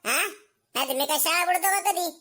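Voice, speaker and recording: A woman's voice: extremely high pitch, a little fast, bright, forceful tone. A woman playing a lazy, cheeky schoolboy in a comedy sketch. He whines, talks back and fakes being ill to skip school, with rustic slang. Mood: whining. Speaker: main character.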